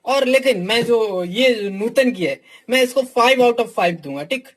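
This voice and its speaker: A man's voice: very high-pitched, lively intonation, a little slow. Frank male coach, constant "theek"s. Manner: fills nearly every phrase with "ठीक"; talks straight to students, calling them "my dear". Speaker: exam coach reviewing books. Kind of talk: casual teaching talk.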